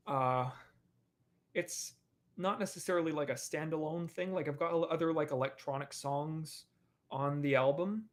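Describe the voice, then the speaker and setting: A young man answering viewer questions on a live stream in a rambling, casual way, full of fillers and restarts. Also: fairly high pitch. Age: young adult. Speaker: animator and streamer.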